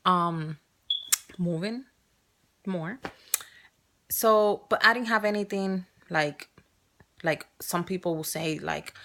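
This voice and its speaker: A woman in her thirties with a strong Spanish accent talks openly and chattily in a personal vlog, often restarting and correcting herself. Her voice is fairly low in pitch and a bit bright.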